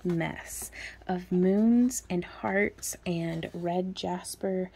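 As a craft shop owner at her home workspace, a woman casually shows off her products in a show-and-tell, rambling and laughing often. Her fairly low voice is gravelly and dark with a breathy edge, and she draws out her words.

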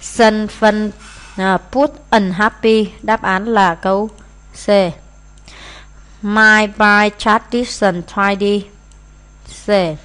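Going over a test with her class, a Vietnamese-speaking woman teacher explains the answers in Vietnamese and reads the English phrases aloud. Her middle-pitched voice is plain, everyday, a bit bright and smooth, broken by frequent pauses and hesitant fillers.

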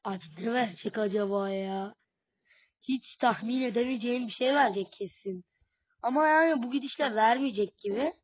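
A young woman with a slightly high voice reacts to opening game boxes, talking to her viewers in a frustrated, exclaiming way. The sound is thin and phone-like, with no room around it. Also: normal speed, no echo. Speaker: gaming YouTuber. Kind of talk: casual game box-opening commentary. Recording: tinny phone-like audio, dry.

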